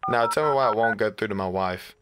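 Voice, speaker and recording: A man's voice: fairly low pitch, quick pace, very noisy. A man hosting a gaming video, giving casual, slangy, incredulous commentary as he plays. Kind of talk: casual let's play commentary.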